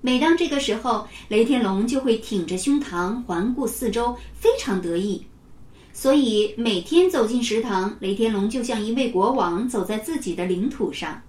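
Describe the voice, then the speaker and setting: A woman narrating a children's story in a lively, expressive way. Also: a little high, distant mic. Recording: roomy, from off the mic.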